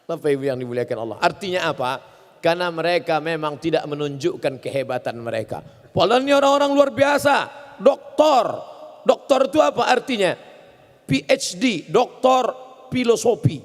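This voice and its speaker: A man in his forties preaching a lively, humorous sermon, acting out quotes in the story and shouting at its peaks. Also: high voice, moderate pace. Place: large hall. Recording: hall reverb.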